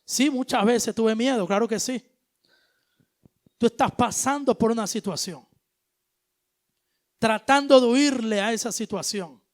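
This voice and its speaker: A male preacher giving an animated sermon, moving between loud exhortation and hushed asides, with casual slang. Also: very high voice, a little slow, pauses often. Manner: colloquial, uses street slang.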